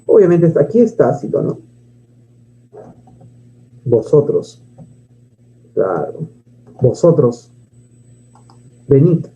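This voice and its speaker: A man's voice: mid-range voice, big pitch swings, slow pace, pauses often, warm tone. A man teaching a grammar lesson, who asks and answers his own questions and reads poems aloud. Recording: dull lo-fi sound.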